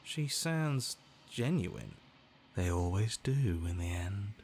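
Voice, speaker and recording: Slow, brooding game hero's voice. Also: male voice, lowish voice, sing-song, a little mellow, a little hiss or hum, heavily acted. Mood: grave. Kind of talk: video game voice acting.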